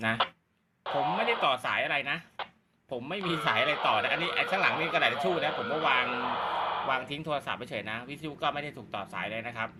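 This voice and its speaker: A man's voice: medium pitch, very noisy. A man hosting a casual gadget demonstration, explaining politely with repetitive phrasing. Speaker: YouTube channel host.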